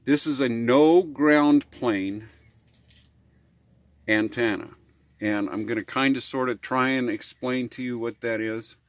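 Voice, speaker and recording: Speaking slowly in a mid-range voice with no echo, an American man rambles through a casual, unscripted vlog about RV repairs and living. He's folksy, using homespun slang.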